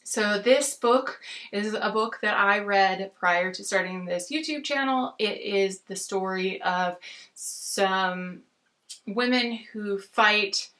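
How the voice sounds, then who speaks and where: An American woman with a bright, forward voice at an ordinary female pitch gives a casual book review. She rambles in a halting way, often breaking off and rewording her thoughts. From United States. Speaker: book reviewer on a video channel. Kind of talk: casual book chat to camera.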